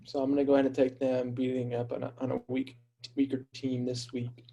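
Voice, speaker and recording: A man's voice: medium pitch, completely flat delivery, fairly quick, creaky, mellow, lo-fi sound, slight background noise. A man co-hosting a casual sports podcast, talking in an easygoing, hesitant way. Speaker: podcast co-host.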